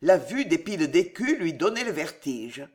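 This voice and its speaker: A narrator reading a French novel aloud in a calm, measured way. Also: mid-range voice. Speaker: audiobook narrator. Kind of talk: scripted narration.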